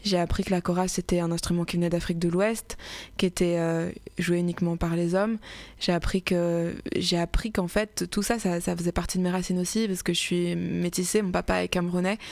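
A woman's voice: on the low side, little pitch movement, brisk, gravelly, darkish tone, dry recording. A woman, a musician guest in a casual radio interview, who talks in long searching stretches full of restarts and fillers. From Belgium. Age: 20s.

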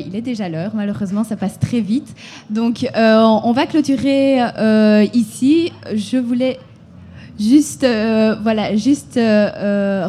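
A woman's voice: medium pitch, dark tone, a little hiss or hum. A woman moderating a panel and closing the discussion, hesitant with many fillers.

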